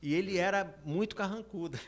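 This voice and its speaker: A man's voice: high-pitched, fairly quick. A man in his fifties, a journalist guest, talking through memories of his career with hesitant restarts. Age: 50s. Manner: hesitant, repeats words as he recalls. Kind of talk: casual podcast chat.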